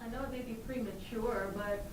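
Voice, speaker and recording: A woman's voice: a little high, fairly even intonation, normal speed, music in the background. Woman reporter asking questions, far from the mic, super echoey, noisy room. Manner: careful, probing questions. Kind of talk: press conference question. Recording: distant voice in a very echoey room with background noise.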